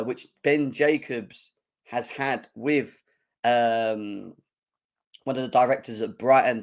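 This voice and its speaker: A young man with a hoarse, croaky, mid-range voice hosts a live football fan show. He chats energetically on the stream, clearing his throat as he goes.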